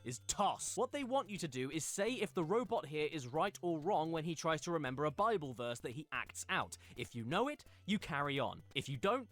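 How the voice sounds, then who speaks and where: A man's voice: a little high, big pitch swings, fairly quick, few pauses, fairly bright tone. A man narrating a comedic game review in a sarcastic, mock-dramatic way. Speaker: video essay narrator.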